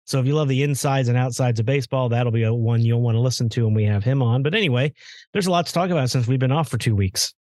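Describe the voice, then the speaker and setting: A man's voice: mid-range voice, quick pace, darkish tone, no room sound, clean studio sound. A man co-hosting a sports podcast, sounding congested after a cold and chatting casually. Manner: chatty, rambling. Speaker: podcast co-host. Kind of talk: casual chat.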